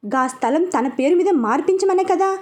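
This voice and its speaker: A rough, irritated gangster sidekick, put on by a woman narrator, with a Telangana Telugu accent laced with Hindi words. His grumbling lines come out high and dark-toned. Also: animated, moderate pace. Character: irritated male gangster sidekick, local tough.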